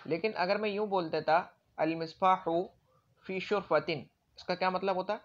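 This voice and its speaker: A man with a high-pitched voice and fairly even intonation explains Arabic grammar like a classroom teacher. He draws on everyday examples and keeps making sure the audience is keeping up, all on a dull lo-fi recording.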